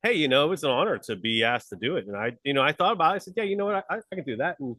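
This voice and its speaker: A man's voice: fairly high pitch, expressive, racing, pushed and bright, dry recording, poor audio. A man from Pittsburgh, the conference chair, chatting in a live interview with an upbeat, enthusiastic, rambling manner. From Pittsburgh, USA. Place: conference hall table.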